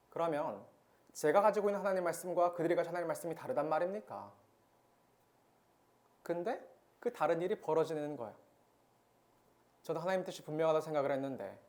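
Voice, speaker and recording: Young guy pastor giving a sermon, chatty tone, lots of rhetorical questions, reads bible passages slow and even. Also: on the high side. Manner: conversational preaching with frequent rhetorical questions; reads scripture aloud in a measured tone. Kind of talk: sermon to a youth service.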